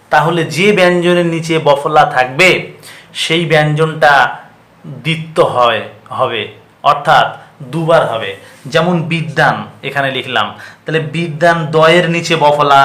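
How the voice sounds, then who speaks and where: A man with a fairly high voice teaches a pronunciation lesson for an exam. He poses questions and answers them himself, then repeats each example word slowly. The sound bounces around an echoey room. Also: fairly bright tone. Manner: explains rules by asking and answering his own questions.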